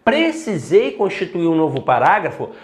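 A Brazilian man with a fairly high voice explains writing rules at a classroom whiteboard. He is emphatic and blunt, slowing down to stress points and scoffing at common mistakes. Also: wildly swooping pitch. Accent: Brazilian Portuguese. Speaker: teacher. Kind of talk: whiteboard lesson on essay writing.

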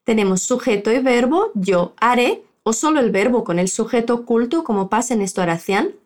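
Woman, language teacher, from Brazil, slightly high voice, repeat-after-me drills, slow careful model phrases. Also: lively intonation.

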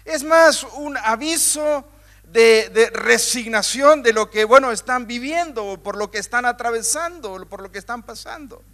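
A man's voice: very high voice, moderate pace, few pauses, fairly bright tone. A man preaching a sermon with emphatic, building repetition, talking directly to his listeners.

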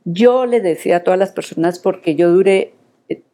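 Older woman, low pitch, mellow dark tone, earnest faith testimony, emotional telling. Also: normal speed. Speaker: interviewee.

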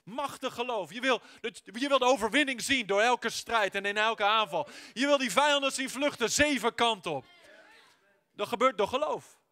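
High, bright-voiced male preacher. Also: normal speed. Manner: emphatic, mixes in English words, rises to near shouting. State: sore throat. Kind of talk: sermon. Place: church.

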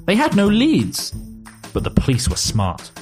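A man's voice: high-pitched, huge pitch swings, unhurried, over music. A man reading a silly story aloud and chatting about it with a co-host. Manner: reads aloud evenly, breaks into laughter and banter. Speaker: narrator reading a generated story. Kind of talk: comic story reading and podcast chat.

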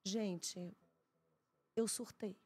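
A woman, a podcast guest telling a story in an animated, emphatic way, often repeating herself. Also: medium pitch, extremely slow, husky. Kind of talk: casual chat, storytelling.

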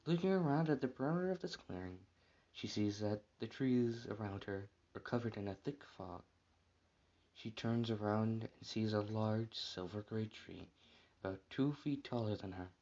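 Male storyteller, low mellow voice, reading a dark tale with small restarts; dull lo-fi sound. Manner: plain, unhurried reading with small slips and restarts.

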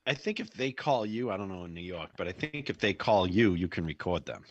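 A man's voice: low voice, lively intonation, brisk, no room sound, highs cut off. A man co-hosting a casual podcast chat, amused and rambling. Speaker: podcast co-host.

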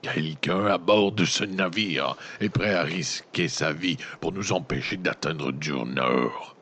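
A man voicing a solemn male ship captain in a gamebook reading, speaking slowly and gravely. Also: low voice, a bit bright, slight background noise, pitched below the performer's own voice, heavily acted. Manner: slow, solemn delivery.

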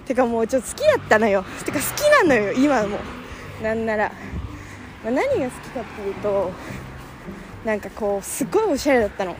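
Young woman, high and animated, casual chat; noisy vehicles behind. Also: fairly quick. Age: young adult. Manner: chatty, gushing, lots of fillers. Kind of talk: casual monologue. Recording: noisy background with passing vehicles.

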